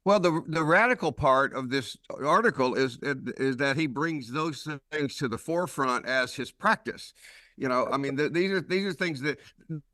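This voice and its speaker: Bright-voiced Southern man telling stories. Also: mid-range voice, moderate pace, dry recording. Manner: rambling, self-mocking storyteller. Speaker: podcast host. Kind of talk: casual podcast discussion.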